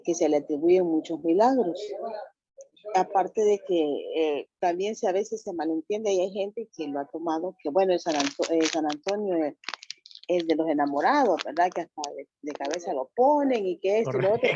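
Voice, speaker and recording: A woman's voice: on the low side, dark tone. A woman guest on a panel, speaking hesitantly with fillers. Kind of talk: panel discussion. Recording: muffled lo-fi audio.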